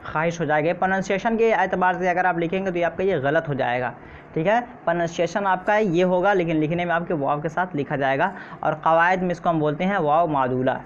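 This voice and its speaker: Male teacher for an exam-prep lesson, patient and repetitive, mid pitch, a little dull and noisy. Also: brisk. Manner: repeats questions and says "theek hai" often. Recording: slightly dull, faint noise.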